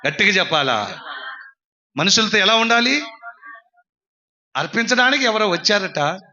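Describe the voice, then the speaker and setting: A man with a high, bright, ringing voice preaches a sermon at a live church prayer meeting. He keeps urging the congregation to respond loudly, then drops into low, quiet stretches. The live-stream audio sounds dull and lo-fi. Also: big pitch swings, unhurried, faint music behind. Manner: swings between loud exhortation and low quiet passages. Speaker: pastor.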